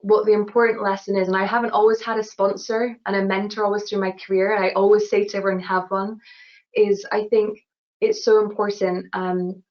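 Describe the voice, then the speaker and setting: Over dull, lo-fi webinar audio, a Glasgow-born woman engineer with an award to her name answers questions earnestly, her Glasgow accent peppered with "you know" and restarts. She speaks at medium pitch, in a level tone, fairly quickly.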